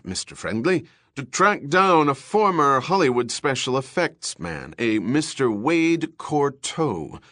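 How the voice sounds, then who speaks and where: A man doing a pedantic research chief with a dry, precise voice, lecturing in slow, measured phrases. The voice is raised above the reader's usual and moves up and down a lot. The recording is close and dry. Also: medium pitch, a bit bright, no room sound, pitched above the performer's own voice. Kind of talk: audiobook character voice.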